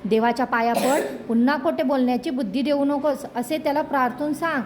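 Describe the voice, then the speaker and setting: A woman's voice: sits high, a little fast, darkish tone, a little hiss or hum, natural voice. A woman voicing a stern but loving village mother who scolds firmly and earnestly.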